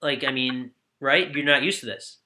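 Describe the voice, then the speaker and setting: Man host, bright tense tone, loose chatty questions. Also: mid-range voice, normal speed. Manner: rambling questions full of "like". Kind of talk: casual interview chat.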